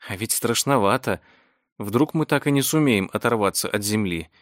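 A man's voice: lowish voice, lively intonation, moderate pace, no room sound, studio quality, close to an everyday voice. A man voicing a nervous young woman thinking anxiously to herself, in a storybook reading.

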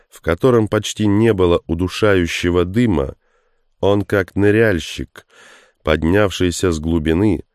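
A man reading an action story aloud in steady, even scripted narration. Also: low voice, dry recording, clean studio sound. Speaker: audiobook narrator.

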